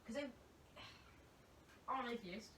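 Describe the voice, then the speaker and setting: A woman's voice: a little high, extremely slow, fairly bright tone, a little hiss or hum. Woman musing in an echoey room. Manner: thoughtful, poses hypotheticals, swears casually. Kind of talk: casual group discussion. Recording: echoey room, distant mic.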